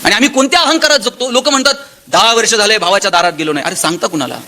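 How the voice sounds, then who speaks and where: A motivational speaker from Maharashtra, telling anecdotes and acting out the dialogue. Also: male voice, high voice, rapid-fire, a little hiss or hum. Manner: animated storyteller, acts out dialogue with shifting tone.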